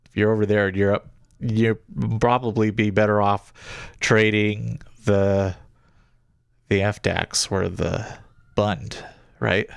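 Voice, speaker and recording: A man with a lowish, creaky, resonant voice chats casually while hosting a day trading livestream, his nose blocked and congested after nose surgery so he sounds sick. The recording is clear and studio quality, with no echo.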